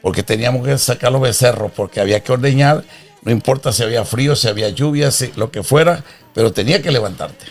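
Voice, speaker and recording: A man in his sixties from the plains, telling of his childhood in an earnest, proud, unhurried way. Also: medium pitch. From Venezuela. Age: 60s. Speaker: interview guest, father of host. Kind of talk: casual interview.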